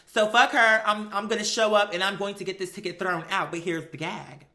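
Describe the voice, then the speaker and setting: An American live-stream host tells stories casually, animated and emphatic, using slang and acting out conversations. Her voice is medium in pitch and brisk.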